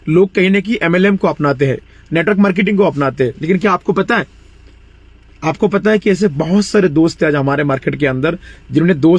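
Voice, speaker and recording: Twenty-something guy from india doing a sales pitch, kinda high voice, says "you know" a lot, keeps clearing his throat, dry close mic. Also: no echo. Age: 20s. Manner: code-mixes English phrases, repeated fillers like "you know". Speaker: network marketing promoter. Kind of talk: persuasive motivational sales pitch to viewers.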